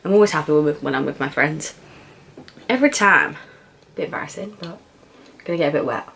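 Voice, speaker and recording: A young woman with a British accent and a slightly low voice. She talks casually and frankly, as in a vlog answering questions over food, pausing to think aloud as she goes. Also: creaky, a bit bright, a little hiss or hum. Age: young adult. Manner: informal, frank, thinking aloud with pauses and swearing. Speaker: vlogger answering viewer questions. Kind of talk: casual chatty Q&A while eating.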